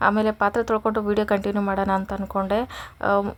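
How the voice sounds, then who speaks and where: A woman speaking rural Kanakapura Kannada, chatting at home in a casual couple vlog and teasing her partner with playful scolding. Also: mid-range voice. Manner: rapid, animated, playful scolding. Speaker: vlogger.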